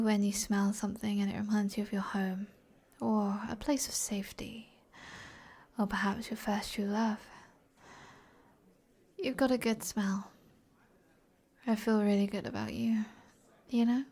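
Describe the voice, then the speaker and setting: In an ASMR roleplay, a British woman takes the part of a flirtatious, alluring sorceress. Her mid-range voice is soft and breathy, frequently dropping nearly to a whisper, and her manner is teasing.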